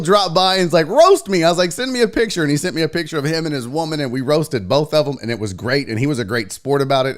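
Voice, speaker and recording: A man hosting a casual livestream, greeting viewers in slangy, buddy-like terms with blunt, profane, joking talk. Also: medium pitch. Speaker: livestream host.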